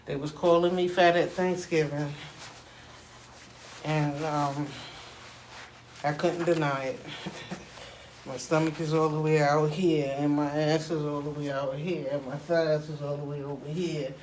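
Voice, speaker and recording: A man with a slightly high voice talks casually to camera while hitting a punching bag. He rambles along in loose, conversational phrases with repeated check-in tags. The recording has clearly audible noise around him. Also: level tone, a little slow, darkish tone. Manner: rambling, frequent "you know what I'm saying" tags. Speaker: video creator. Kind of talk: casual workout vlog, talking to camera.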